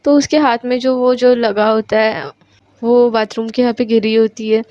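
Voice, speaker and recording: A woman's voice: a little high, fairly even intonation, normal speed, no room sound, muffled recording. A woman casually narrating a romantic story, chatty and mixing in English words, correcting herself as she goes.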